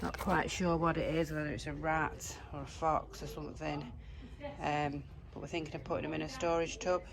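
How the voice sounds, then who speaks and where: A middle-aged British woman with a croaky voice, chatting casually to viewers as a horse-owning vlogger. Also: low-pitched, steady tone, moderate pace. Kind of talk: casual vlog chat. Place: in a car, then a stable yard. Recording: handheld vlog with background noise.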